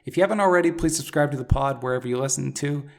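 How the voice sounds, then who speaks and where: A man hosting a solo fantasy basketball podcast, running through stats and advice with occasional fillers, his voice worn and going hoarse. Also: medium pitch. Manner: rapid stat-heavy analysis with occasional fillers. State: losing his voice. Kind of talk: solo podcast game recap.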